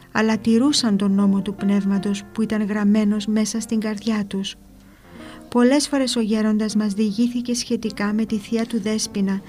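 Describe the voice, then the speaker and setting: A woman narrating a religious book in a calm, measured, reverent reading. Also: mid-range voice. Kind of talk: devotional reading over soft guitar. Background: soft guitar music.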